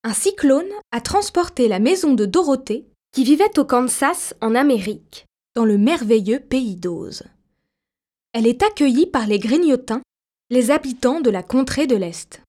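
A woman reading a children's story aloud in a measured, expressive way. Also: high voice.

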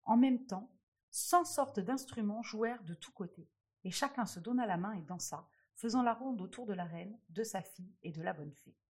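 A woman reading a fairy tale aloud with expressive storytelling. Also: medium pitch, moderate pace, slightly rough.

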